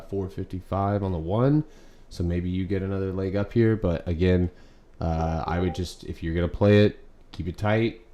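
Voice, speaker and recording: A young man with a deep, slightly mellow voice hosts a live stock trading stream, giving market commentary. He talks casually and rambles, with lots of ums and uhs. The room is echoey, with faint background noise.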